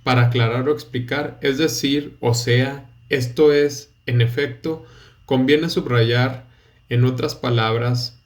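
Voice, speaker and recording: Male tutor, Mexican Spanish accent, unhurried, middle pitch, explains step by step. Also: steady tone. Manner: slow, patient explaining with fillers. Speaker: teacher. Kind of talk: study-guide lesson.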